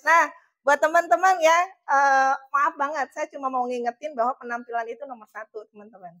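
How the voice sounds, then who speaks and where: A woman's voice: high-pitched, fairly even intonation, brisk, a bit bright. A woman giving a casual, emphatic motivational training talk and laughing often. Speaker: motivational trainer for charity fundraisers.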